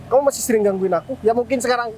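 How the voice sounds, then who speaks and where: An actor playing a calm young man defending himself against his ex-girlfriend in a web drama, recorded outdoors. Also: very high voice, racing, a little hiss or hum, low-quality recording. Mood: defensive. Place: outdoors in a public place.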